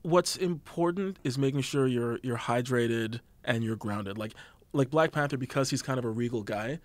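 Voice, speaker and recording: A man's voice: medium pitch, no room sound. A man from Canada, an actor, talking casually in a studio interview and demonstrating character voices as he explains his craft. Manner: fast, animated, demonstrates voices while explaining. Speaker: actor and voice actor guest.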